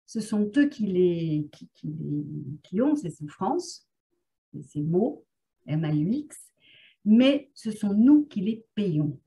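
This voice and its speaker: A woman's voice: medium pitch, big pitch swings, slow pace, warm tone. A woman therapist talking casually on a video call, hesitant and full of filler sounds. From France. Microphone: video call microphone.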